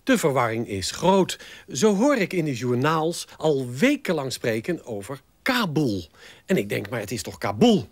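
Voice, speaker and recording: A man's voice: mid-range voice, very animated, normal speed, dry recording. A man presenting satirical comedy sketches in a mock-indignant, incredulous manner.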